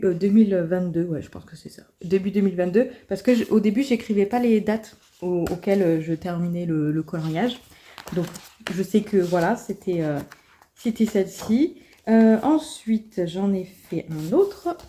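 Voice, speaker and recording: A woman's voice: mid-range voice, moderate pace. A woman vlogger chatting casually about her coloring books, with lots of fillers and restarts. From France. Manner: chatty, many fillers and restarts, soft asides. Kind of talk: casual vlog chat.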